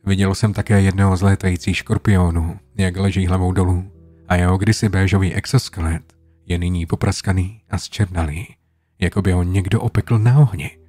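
A man narrating a horror story in a low, hushed storytelling manner, over soft guitar music. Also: fairly even intonation. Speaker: creepypasta narrator.

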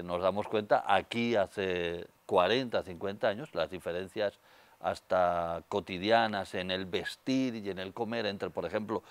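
Wearing a lapel mic on a TV studio set, the older Spanish-accented guest from Spain spins stories in an interview, hands gesturing and fillers frequent. His voice sits low, and there's no echo.

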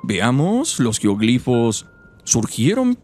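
A man's voice: medium pitch, huge pitch swings, slow pace, a little mellow. Man doing an elderly wise woman, solemn, music behind. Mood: musing. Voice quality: put-on thin old-lady voice. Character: elderly wise woman advisor from a fantasy game. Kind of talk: dramatic read-aloud of game dialogue.

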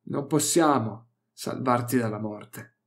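A man's voice: mid-range voice, slow. A man voicing a worried, stern male inquisitor companion who speaks tensely and stammers at times. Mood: grim.

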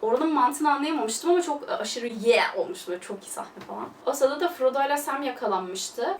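A young woman talks through a casual film review, her voice a bit high and caught from some distance in an echoing room. She gushes freely and leans on loose fillers. A faint hiss sits under the recording. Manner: gushing, chatty, loose filler-heavy talk. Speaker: film vlogger.

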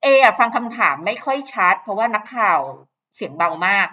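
A woman's voice: medium pitch, animated, a little fast, bright, forceful tone, lo-fi sound. A woman hosting her own channel, chatting casually and gossipily about a celebrity interview, with frequent fillers and asides. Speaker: channel host. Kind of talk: casual commentary to camera.

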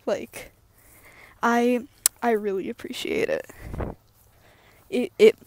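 A woman's voice: a little high, slow, a little hiss or hum. Rambling young woman vlogging on a walk. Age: young adult. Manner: rambling, filler-heavy, self-deprecating, deadpan humor. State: slightly out of breath from walking uphill. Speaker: YouTuber. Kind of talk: casual walking vlog. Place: outdoors at the edge of woods. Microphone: wired earbud headset mic, phone held low.

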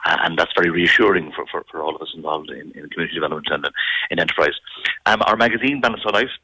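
Radio guest, male, West of Ireland accent, bright forceful delivery at a quick pace, formal local-news reporting. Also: low-pitched, slightly rough, no room sound, poor audio. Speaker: magazine editor, radio guest.

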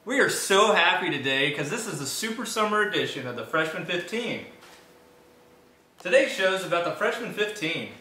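A man's voice: high voice, very animated, moderate pace, pushed and bright. A young man co-hosting a goofy homemade cooking show sketch, hammy and over the top, recorded in a home kitchen on a camera mic. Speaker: comedy cooking show co-host. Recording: echoey kitchen, camera at a distance, faint hiss.

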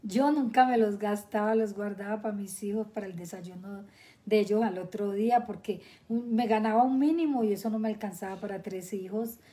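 A middle-aged woman with a warm, mellow voice recalls her family's past in a plain, unhurried way. She talks casually as a guest beside her daughter. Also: medium pitch. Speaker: guest, host's mother. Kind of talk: casual conversation.

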